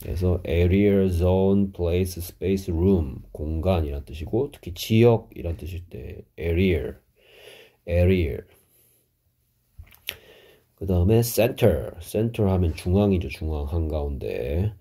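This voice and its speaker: Male English teacher, middle-aged, deep, dark, husky tone, slow patient explanations. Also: expressive. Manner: slow, explanatory, with Korean glosses of English words. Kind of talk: vocabulary lesson.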